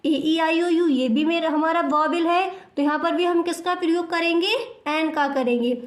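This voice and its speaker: A woman's voice: extremely high pitch, normal speed, echoey room. A woman explaining grammar to students, patiently asking questions and answering them herself. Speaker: English grammar teacher. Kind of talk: classroom explanation.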